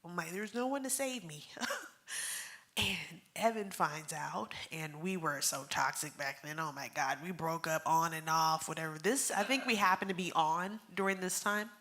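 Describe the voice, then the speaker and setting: A woman in her thirties giving a heartfelt eulogy at a memorial, telling stories with emotion and often dropping to a hushed whisper. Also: low-pitched, normal speed. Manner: emotional, swings from hushed whispers to loud bursts. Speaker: pastor's wife speaking at a memorial.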